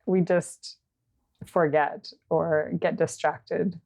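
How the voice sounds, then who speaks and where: A woman hosts a podcast conversation, encouraging her guest and asking open questions. Her voice sits low, with a gravelly fry running through her speech. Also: fairly even intonation, extremely slow, darkish tone. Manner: affirming, encouraging interviewer. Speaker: podcast host. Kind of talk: casual interview conversation.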